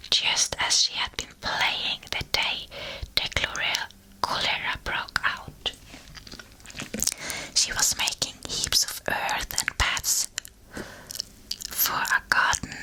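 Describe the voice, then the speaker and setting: A woman reads a storybook in a soft, breathy, unvoiced ASMR whisper, slowly and deliberately, very close to a binaural microphone. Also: rough recording. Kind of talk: whispered ASMR audiobook reading. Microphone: close binaural ear-to-ear microphone.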